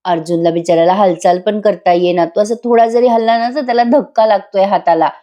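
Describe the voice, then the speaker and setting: A woman's voice: mid-range voice, a little fast, lo-fi sound. A woman narrating a casual voice-over recap of a TV serial episode, chatting directly to viewers. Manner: chatty, addresses viewers, light laughs.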